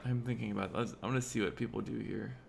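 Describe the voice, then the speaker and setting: A man's voice: fairly low pitch, steady tone, quick pace, vocal fry, slight background noise. A man streaming a city-building game, talking to himself and his chat as he lays out roads in casual commentary. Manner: muttering to himself while planning, talking to chat. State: hiccups. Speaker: livestreamer.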